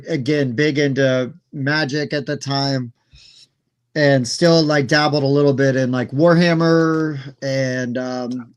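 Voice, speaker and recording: A man, hosting a podcast, telling a relaxed, rambling story in casual chat. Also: on the high side. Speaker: podcast host.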